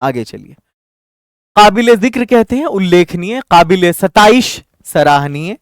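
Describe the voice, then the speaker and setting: Male Urdu tutor, crisp dry voice. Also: high voice, very animated, unhurried, no echo. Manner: explains word by word, repeats terms, mixes Hindi, Urdu and English; frequent fillers and "theek hai" check-ins. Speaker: Urdu language teacher. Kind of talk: online exam-prep lesson.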